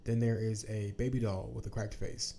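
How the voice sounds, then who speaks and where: A man's voice: lowish voice, level tone, normal speed, mellow, a little hiss or hum. A man co-hosting a podcast in casual chat, sleepy and yawning, talking in a laid-back, rambling way that trails off. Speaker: podcast co-host.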